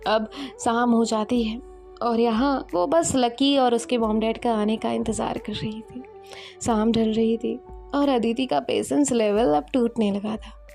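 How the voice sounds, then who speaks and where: Woman storyteller, somewhat high voice, faint music underneath, reads all roles herself. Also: a little mellow. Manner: voices all characters in the same lightly acted tone. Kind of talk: scripted story narration.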